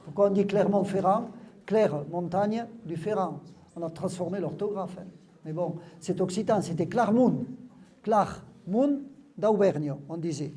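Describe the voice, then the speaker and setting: A man presenting the Occitan language reads lines aloud at a live event, explaining each word to the audience and often saying "hein?" and "voilà". His voice is high-pitched and dark in tone, and he speaks a little slowly.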